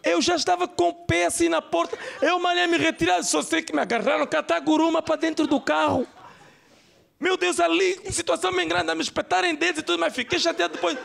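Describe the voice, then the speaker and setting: Playing a brash, gossipy Angolan woman, a male stand-up comedian speaks briskly in a very high, creaky, exaggerated voice with an Angolan Portuguese accent. The character bit unfolds on a comedy club stage as chatty, animated storytelling, and the mood stays chatty throughout.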